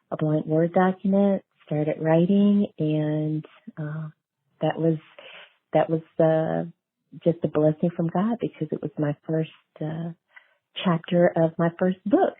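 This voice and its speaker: A middle-aged woman from a small town in eastern North Carolina, USA, tells her story conversationally as a guest author in an interview. Her voice is deep and husky, carried over a tinny phone line with roomy echo.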